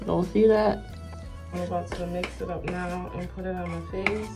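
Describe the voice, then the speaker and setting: A woman's voice: lowish voice, little pitch movement, a little fast. A young woman vlogging casually in playful, tongue-in-cheek zoomer slang, speaking toward a camera in a small bathroom. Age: young adult. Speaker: beauty vlogger. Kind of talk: casual vlog chat. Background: music under the voice.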